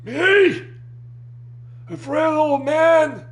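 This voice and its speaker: A man's voice: very high-pitched, extremely slow, noisy background, voice pushed up, exaggerated voice. A man voicing a very old, frail, indignant ambassador in a video game, exclaiming in disbelief. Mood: shrill disbelief.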